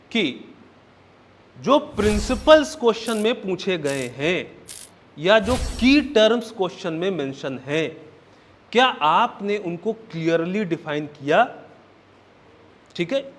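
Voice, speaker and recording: High-voiced male teacher lecturing. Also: fairly bright tone. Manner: checks in often with "right?" and "okay?"; explains step by step, counting points aloud. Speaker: exam coaching teacher. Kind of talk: classroom lecture.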